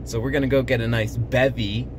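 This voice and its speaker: A young man telling a casual story for his vlog, loose and swearing, his voice still rough from the morning, recorded on a phone in a car on a frosty morning. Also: mid-range voice, steady tone, fairly quick, a little hiss or hum. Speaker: vlogger.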